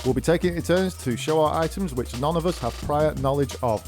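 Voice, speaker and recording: A man's voice: a little high, fairly quick, a little mellow, soft background music. A man co-hosting a comedy podcast, reading show announcements and joking with friends. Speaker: podcast co-host. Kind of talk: podcast intro and banter.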